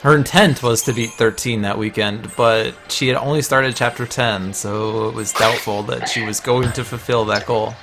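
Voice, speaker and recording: A man's voice: medium pitch, fairly even intonation, moderate pace, hardly any pauses, music in the background. A man with an American accent chatting casually and joking while he plays a game. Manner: joking, laughs often. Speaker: speedrunner. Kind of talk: casual chat while gaming.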